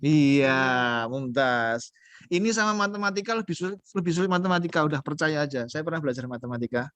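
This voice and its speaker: A man's voice: fairly high pitch, expressive, a little fast, a bit bright, no echo. Patient man teaching beginner Arabic. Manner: patient, coaxing, asks students questions. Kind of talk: online class teaching.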